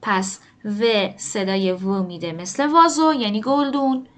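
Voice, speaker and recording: A woman teaching a language lesson, explaining pronunciation to learners and slowly repeating example words. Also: mid-range voice. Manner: slow drawn-out repetition of example words.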